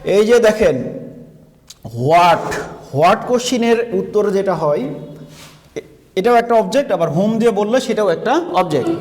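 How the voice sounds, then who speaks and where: High-voiced teacher quizzing his class. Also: lively intonation, measured pace, long pauses, darkish tone. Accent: Bangladeshi Bengali. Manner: quizzes the class, then repeats their answers. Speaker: English teacher. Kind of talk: classroom grammar lesson. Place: school classroom.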